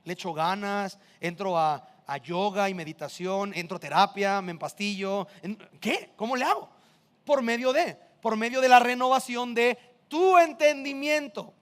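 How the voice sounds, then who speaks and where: Pastor guy in his 30s, highish voice, preaching casual with lots of questions to the crowd. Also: normal speed, fairly bright tone, long reverb tail. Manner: conversational preaching with rhetorical questions. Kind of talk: sermon.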